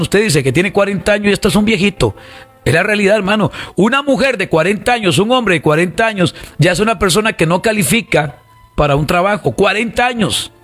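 Preaching online with a Costa Rican accent, this man has a high-sitting, somewhat bright voice. His manner is fervent as he repeats lines over and over and urges the congregation to answer back.

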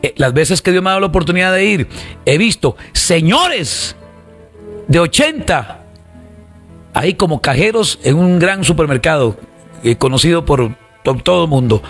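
A man's voice: on the high side, a bit bright. A man with a Costa Rican accent preaching an online sermon, fervently repeating phrases and calling on listeners to respond. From Costa Rica. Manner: fervent, repetitive calls to the congregation.

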